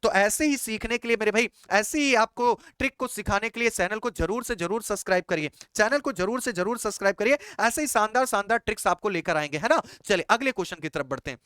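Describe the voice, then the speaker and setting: A young man teaching English idioms in a lively classroom style, repeating each question to his students and answering it himself. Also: high voice, fast, hardly any pauses, smooth, no echo, studio quality. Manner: chatty, calls listeners brother and child.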